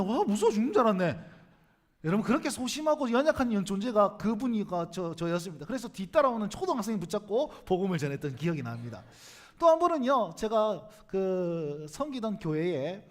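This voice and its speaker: A middle-aged male pastor preaching a sermon, telling stories and acting out the voices in them. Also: high-pitched. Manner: animated, acts out quoted voices with sudden loud bursts and quiet asides. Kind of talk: sermon with lively storytelling.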